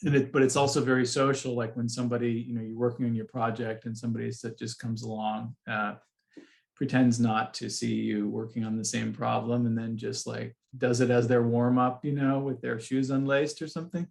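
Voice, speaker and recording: A man's voice: mid-range voice, flat delivery, a little fast, creaky, darkish tone. A man hosting a podcast, talking in a loose, rambling way with many asides during a casual conversation. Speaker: podcast host.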